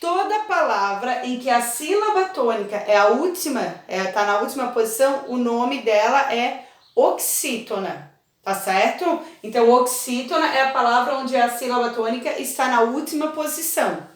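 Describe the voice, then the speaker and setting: A woman's voice: on the high side, lively intonation, normal speed. A woman teacher, patiently explaining a lesson step by step and checking that her students follow. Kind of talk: recorded online class lesson. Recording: very echoey room, voice from far off.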